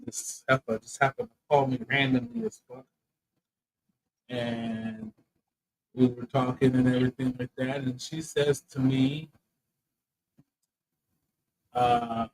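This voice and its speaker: A man's voice: mid-range voice, a little mellow, poor audio. A man, a comedian and co-host, in casual chat, telling a personal story with profane, emphatic asides.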